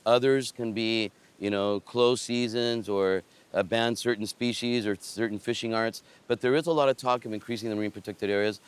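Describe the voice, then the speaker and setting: A man speaking unscripted in an interview, conversationally, pausing to search for words as he explains. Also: fairly low pitch, steady tone, clean tone. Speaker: marine conservation interviewee.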